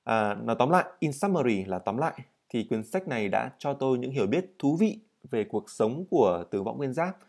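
Man, english teacher, drills words slowly, explains fast. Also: mid-range voice, very animated, vocal fry, darkish tone. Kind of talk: vocabulary and pronunciation lesson.

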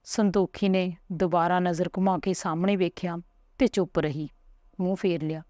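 A woman narrating a family story in a calm, even reading manner. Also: lowish voice, normal speed, dry recording, clean studio sound.

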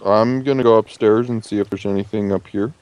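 A man's voice: lowish voice, steady tone, brisk, darkish tone, smooth, dry recording, muffled recording. A man chatting casually as he plays along in a video game. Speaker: co-player in a gaming video.

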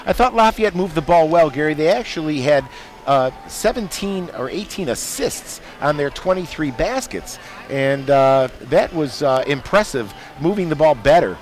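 A man giving color commentary after a basketball game, folksy and animated in his analysis. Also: a little high, moderate pace. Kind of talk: postgame sports analysis. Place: basketball arena broadcast booth.

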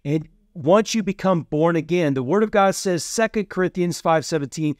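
A preacher hosting a teaching series delivers a casual sermon in a somewhat high voice at a normal speed. He keeps asking "Amen?" and begins his points with "So see," repeating both often. The studio-quality recording has no room sound.

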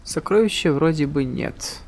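A man's voice: fairly high pitch, normal speed, darkish tone, a little hiss or hum. A man hosting a gaming channel with casual let's-play commentary, musing aloud and joking.

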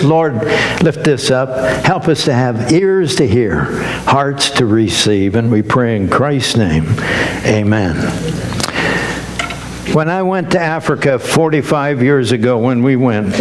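Older man preaching slowly. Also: mid-range voice. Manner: slow, emphatic preaching with rising, lifted phrases. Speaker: guest minister. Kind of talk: sermon.

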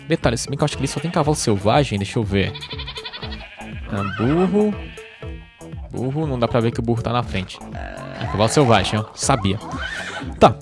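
A man's voice: mid-range voice, lively intonation, brisk, long pauses. A young man hosting live gameplay commentary, jumpy and easily startled, often crying out in alarm and chatting to the animals and to himself. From Brazil. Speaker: gaming channel host. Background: game music and sheep bleats.

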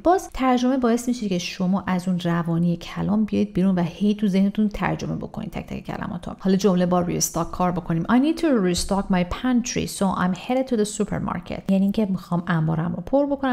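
A Persian-speaking woman teaching English vocabulary, her fairly low voice carrying a gravelly edge. She explains each word briskly, then slows right down to read example sentences and repeats them so learners can follow. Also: mellow. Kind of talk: vocabulary lesson.

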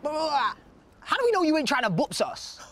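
An actor in his twenties playing a flippant, excitable slacker brother, with a London accent in a comedy web series. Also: very high voice, a little fast, slight background noise, exaggerated voice.

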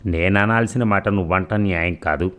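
A man reading the lines of a kind older father who reasons calmly and firmly. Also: low voice, normal speed. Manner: calm, reasoning and firm. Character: kind, firm older father, aging gentleman.

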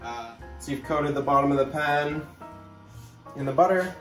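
Young chef giving casual cooking steps. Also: male voice, on the high side, moderate pace. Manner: casual, many "uh" fillers. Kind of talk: cooking instructions. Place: restaurant kitchen. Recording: echoey kitchen, distant, music behind.

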